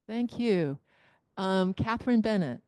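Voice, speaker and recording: Holding a microphone, a woman runs a training session for attendees in the room and online, laying out the plan one item at a time. Her medium-pitched voice is expressive, slightly slow and mellow, with clean audio and no room sound.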